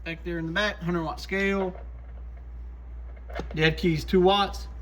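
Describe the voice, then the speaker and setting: In a small indoor radio repair shop, a vlogger works at his bench and talks to himself with easygoing, folksy commentary. His high voice is fairly even in intonation and he takes it slowly. The background is noisy.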